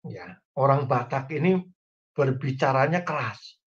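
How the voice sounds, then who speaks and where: A man's voice: mid-range voice, animated, unhurried. Male pastor preaching on dull audio. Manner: addresses congregation directly, folksy humorous examples. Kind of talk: sermon. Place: church online service.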